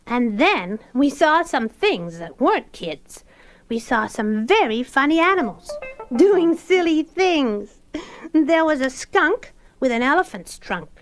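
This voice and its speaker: A woman's voice: high-pitched, sing-song, takes it slowly, full character voice. Casey, a giggly little boy. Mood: storytelling. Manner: giggly, sing-song storytelling. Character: cheerful little boy puppet, chatty storyteller. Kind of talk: children's record narration and song. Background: children's music.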